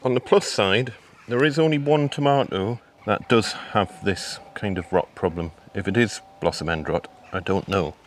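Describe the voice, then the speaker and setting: Chatty British man with a low voice. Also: moderate pace, a little hiss or hum. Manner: chatty, relaxed, thinks aloud with small asides; talks while tasting food. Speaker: gardening vlogger. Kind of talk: casual gardening vlog.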